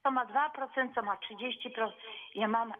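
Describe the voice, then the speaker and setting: A woman's voice: fairly high pitch, moderate pace. A middle-aged woman calling in to a radio show over a phone line, speaking indignantly and firing off rhetorical questions. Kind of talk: heated call-in opinion.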